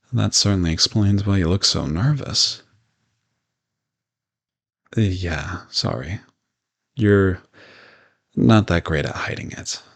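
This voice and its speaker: In a roleplay audio drama, a man voices a modern vampire with a low, gravelly, exaggerated delivery. He sounds curious, polite and reassuring, explaining things gently in a conversational, matter-of-fact way.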